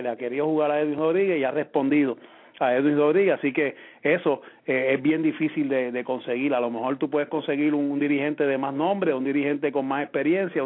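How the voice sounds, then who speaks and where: A man with a Puerto Rican accent on a sports podcast, talking casually about managers and player roles, often restarting his words. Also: fairly high pitch. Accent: Puerto Rican Spanish. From Puerto Rico. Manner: restarts and repeats words, thinks aloud. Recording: tinny phone-like line.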